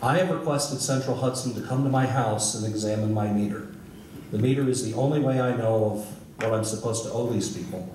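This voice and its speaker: A man's voice: fairly low pitch, brisk, darkish tone. A middle-aged man at a public hearing, speaking at a podium mic and asking pointed rhetorical questions. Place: large hall with wooden stage. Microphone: podium mic on a stand. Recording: echoey hall from far off, noisy.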